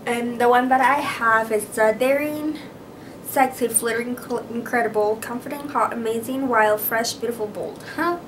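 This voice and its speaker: This young Utah woman vlogs at a normal speed in a fairly high-pitched voice, and the background is noisy. Chatty and excitable, she fills her speech with "like" and "um" while a handheld camera at arm's length follows her from car to bedroom.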